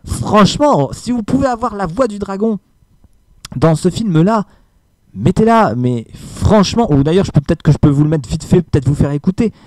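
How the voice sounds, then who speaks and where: A man's voice: sits high, lively intonation, moderate pace, a little mellow, dry recording. A man giving a casual film review, hesitant with many fillers and emphatic asides.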